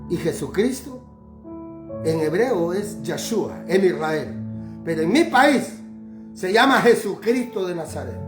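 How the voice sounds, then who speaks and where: A man's voice: high-pitched, sing-song, a little slow. A man delivers a fervent sermon, building on repeated phrases. His voice rings in a roomy space, and faint instrumental music plays underneath. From Honduras. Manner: fervent, repetitive preaching cadence. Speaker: preacher.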